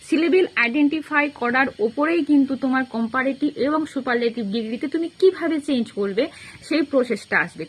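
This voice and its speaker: A woman with a Bengali accent teaching an English grammar lesson, mixing English terms into her talk and repeating key points for students. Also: high voice.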